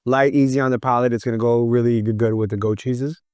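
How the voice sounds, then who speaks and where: A man's voice: medium pitch, quick pace, no echo. A man who owns a food boutique, talking casually and at length in an interview, with plenty of fillers. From Miami. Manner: relaxed and talkative, with frequent fillers.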